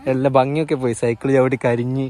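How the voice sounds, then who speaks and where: A man's voice: medium pitch, steady tone, quick pace, warm tone. A man travel vlogger casually narrating outdoors while walking through hills and a market, chatty and guiding viewers. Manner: chatty, guiding viewers, often tags sentences with "you know". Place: outdoors on a tea estate, hills and a village market.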